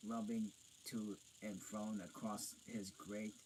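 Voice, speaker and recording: A man reading a storybook aloud, slowly and haltingly, stumbling and restarting as he goes. His voice sits low, and a faint hiss runs underneath. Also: flat delivery, darkish tone, low-quality recording. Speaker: reader.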